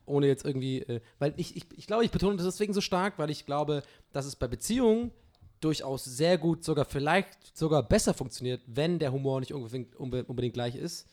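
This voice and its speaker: A man's voice: a little high, lively intonation, a little fast, a little mellow. A man co-hosting a podcast, rambling and breaking off mid-sentence, laughing often as he banters. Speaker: podcast co-host.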